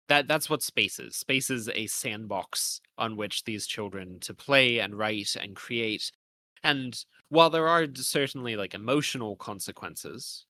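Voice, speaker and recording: A podcast host with a medium-pitched, bright, forceful voice analyzes a visual novel in a conversational style, thoughtfully and somewhat hesitantly feeling out his ideas as he goes. The recording has no echo.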